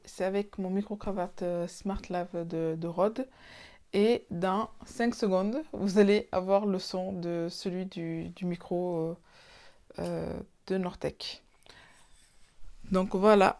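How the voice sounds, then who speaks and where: A woman's voice: mid-range voice, a little mellow. A woman doing a casual product review, thinking aloud and often restarting her sentences. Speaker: tech reviewer.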